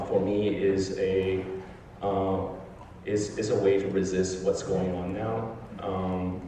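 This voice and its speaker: A man's voice: on the low side, mellow, a little hiss or hum. A man from Malaysia, a film director, giving improvised, hesitant remarks with many fillers on a theatre stage. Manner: hesitant, many fillers and restarts, laughing now and then. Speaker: film director introducing his film. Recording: echoey hall recorded from far off. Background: audience in the hall.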